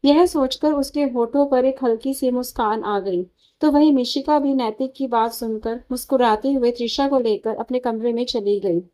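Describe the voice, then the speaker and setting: Woman narrating a story, fairly high voice. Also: normal speed, warm tone.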